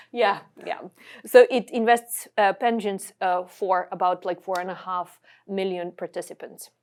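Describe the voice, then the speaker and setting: A woman's voice: medium pitch, steady tone, unhurried, a little mellow. A woman from Serbia in her forties, giving a webinar talk with frequent fillers and restarts. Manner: many fillers and restarts, uses "like" often. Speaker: guest speaker. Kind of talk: webinar presentation.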